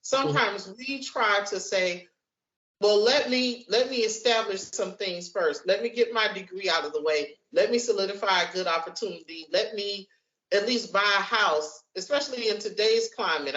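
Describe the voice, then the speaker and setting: A woman's voice: mid-range voice, a bit bright. Frank woman in her forties, echoey lo-fi. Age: 40s. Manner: frank and conversational, repeats words as she thinks. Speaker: podcast co-host. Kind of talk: casual podcast discussion. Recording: lo-fi echoey room audio.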